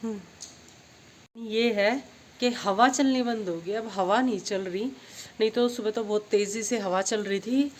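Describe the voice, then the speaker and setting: A middle-aged woman, chatting casually in a home vlog and telling stories with lively energy. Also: medium pitch, measured pace, slight background noise. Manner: chatty storytelling, grows excited retelling events. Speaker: vlogger.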